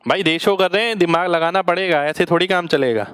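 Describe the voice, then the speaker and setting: A man's voice: sits high, a little fast, fairly bright tone, clean tone, no room sound, studio quality. A man teaching a maths exam-prep class, explaining each step patiently in with terms and often asking students whether they understood. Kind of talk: online exam-prep lecture.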